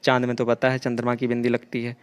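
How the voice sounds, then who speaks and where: A man's voice: medium pitch, completely flat delivery, quick pace, clear, resonant tone. A man teaching a grammar lesson for exam preparation, explaining correct spellings and idioms, often repeating himself. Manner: repetitive, explanatory, keeps saying 'dekhiye' and 'theek hai'.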